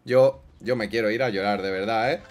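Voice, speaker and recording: A man giving excitable gameplay commentary, swinging from quiet mumbling to loud outbursts. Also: fairly low pitch, fairly quick, faint music behind. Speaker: gaming YouTuber.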